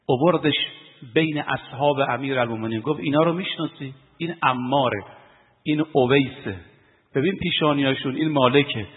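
Emphatic preacher, tinny echoing hall. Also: male voice, a little high. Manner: emphatic, builds to loud exhortation. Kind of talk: sermon storytelling to a congregation. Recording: tinny phone-like sound with long hall reverb.

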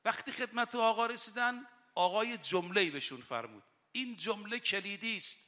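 A man preaching a religious sermon as a cleric, rising from soft explanation to loud, impassioned delivery. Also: sits high, animated, long reverb tail.

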